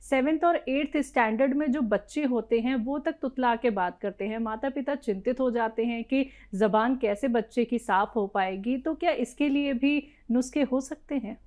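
एक महिला होस्ट, जो हकीम से विनम्रता से सवाल पूछती है।. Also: female voice, a little high, normal speed, hardly any pauses, darkish tone. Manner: polite, encouraging interjections. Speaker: host.

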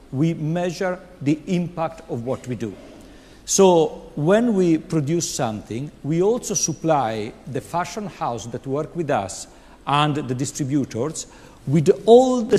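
A man explains at a middle pitch with confident, measured points and rhetorical questions. The long reverb of a large hall trails after his words. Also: a little mellow. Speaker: panel guest, head of a fashion initiative. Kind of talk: conference panel answer. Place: conference hall.

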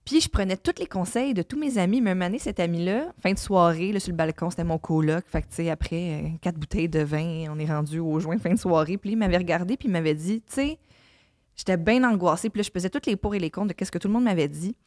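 Brief: Québécois woman, low voice, relaxed storyteller, dry close mic. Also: quick pace, dry recording. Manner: relaxed storytelling, drops to a hush for quoted lines. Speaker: podcast co-host. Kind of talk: casual chat.

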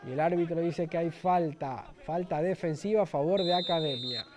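High-voiced Ecuadorian man commentating football. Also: normal speed, a little mellow, slight background noise.

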